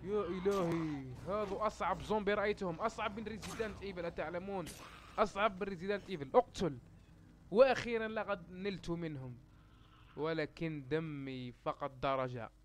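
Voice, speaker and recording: A young man commenting on his own zombie game as he plays it. His fairly high voice leaps into panicked yelps when he is attacked, then drops back to joking chatter with his viewers. A faint hiss sits under the recording. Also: a little fast. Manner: excitable, yelling in panic at zombies, joking asides; speaks formal Standard Arabic to reach all Arabs. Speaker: gaming YouTuber. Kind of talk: let's play commentary.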